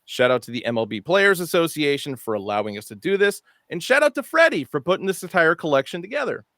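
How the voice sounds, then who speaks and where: A man co-hosting a casual online show about new hats, chatty and animated, often correcting himself mid-sentence. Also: on the high side, fast, dry recording, clean studio sound. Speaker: co-host presenting hats. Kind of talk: casual product show talk.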